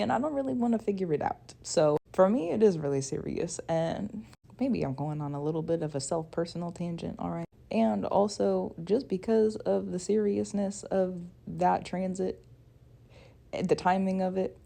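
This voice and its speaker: A woman's voice: mid-range voice, creaky, dark tone. A woman from the United States talking casually to camera about spiritual practice, chatty and rambling, often correcting herself mid-sentence. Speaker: astrology content creator.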